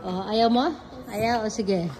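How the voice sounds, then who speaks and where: A woman's voice: medium pitch, steady tone, slow pace. A woman vlogging a casual hotel tour, chatting as she points things out and calls to her child. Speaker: travel vlogger. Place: hotel lobby and halls, indoors. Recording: handheld camera, noisy background.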